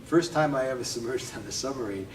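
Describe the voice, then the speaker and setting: An older man from Connecticut, a Navy veteran, reminisces in an easygoing interview, often chuckling and pausing with hesitations. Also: medium pitch, a little hiss or hum. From Connecticut, USA. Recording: roomy, distant from mic, faint ambience.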